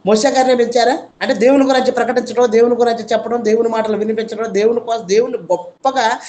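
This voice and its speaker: A woman's voice: a little high, fairly even intonation, quick pace, dark tone. Woman preacher, sermon delivery, emphatic and repetitive. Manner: emphatic, repetitive rhetorical questions.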